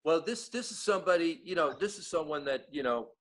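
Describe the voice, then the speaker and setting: A man's voice: fairly high pitch, lively intonation, a little fast, a bit bright. A man with an East Coast American accent, chatting casually as a guest and rambling through many restarts. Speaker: guest giving updates. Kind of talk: casual chat.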